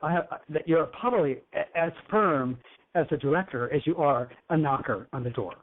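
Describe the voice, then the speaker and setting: A man's voice: fairly high pitch, expressive, normal speed. A man hosting a talk show in a flamboyant, teasing, effusive manner. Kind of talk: campy talk show chat. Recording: tinny phone-like line.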